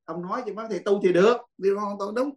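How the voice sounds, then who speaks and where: A man's voice: high-pitched, racing, darkish tone, low-quality recording. A man, a Buddhist monk, teaching a dharma class in a blunt, teasing way and laughing often.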